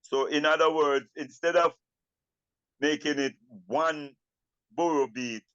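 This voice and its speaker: An older Jamaican man talks in Rastafari speech at a very slow, deliberate pace, repeating phrases as he reflects. The sound is roomy and a little muffled. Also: a little high, fairly even intonation, a bit bright, clean tone. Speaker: interviewee, Rastafari elder and drummer. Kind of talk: reflective interview talk.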